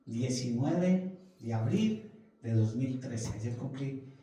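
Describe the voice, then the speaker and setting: A man's voice: mid-range voice, expressive, slow, dark tone. A man preaching a Bible study, telling his testimony with emotion and repeating phrases for emphasis. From Colombia. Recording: very echoey room, mic far off.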